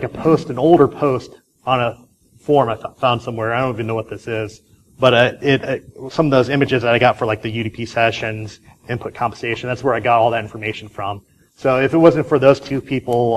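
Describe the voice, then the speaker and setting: A man's voice: medium pitch, a little hiss or hum, poor audio. A man giving a casual conference talk, telling a story in a chatty way with many fillers and restarts. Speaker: conference speaker.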